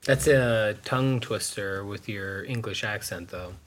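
A man's voice: on the low side, unhurried, fairly bright tone, a little hiss or hum. A man in a casual group chat who playfully ribs a friend. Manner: playful ribbing.

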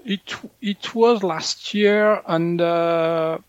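A man, in English, recounts strange experiences as an interview guest. His voice sits a little high, and he slips into playful acted quotes with laughter. The recording is dry and slightly muffled. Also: very slow, smooth, no room sound. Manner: animated storytelling, acts out quotes with laughter. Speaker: medical intuitive guest. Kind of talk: casual interview chat.

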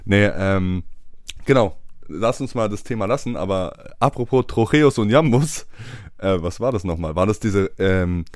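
A man's voice: fairly low pitch, expressive, normal speed, darkish tone, no echo. Slangy young man, dry close sound. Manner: slangy, rambling, laughs often. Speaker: podcast co-host. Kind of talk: casual chat.

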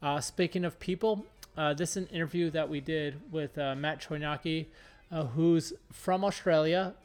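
A man's voice: on the high side, moderate pace, clean tone. A man hosting a podcast, talking casually with lots of fillers as he introduces an interview and asks questions. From Southern California. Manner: relaxed, filler-heavy rambling. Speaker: podcast host.

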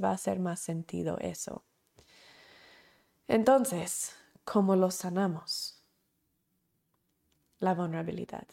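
A woman's voice: lowish voice, creaky, dark tone. A woman, teaching a recorded course in an earnest, repetitive, emphatic way. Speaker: course instructor.

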